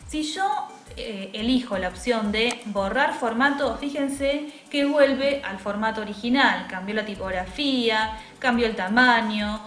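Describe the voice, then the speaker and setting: Lady teacher walking through a tutorial, highish voice, roomy echo. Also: fairly bright tone. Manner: patient, explains step by step, many tag questions. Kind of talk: screen-recorded software tutorial. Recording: echoey room with faint music.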